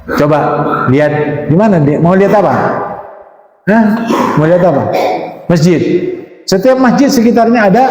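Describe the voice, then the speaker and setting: A man's voice: sits high, a little mellow. A man preaching a Quran commentary sermon, asking the audience frequent rhetorical questions. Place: mosque or religious school hall. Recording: echoey hall reverb.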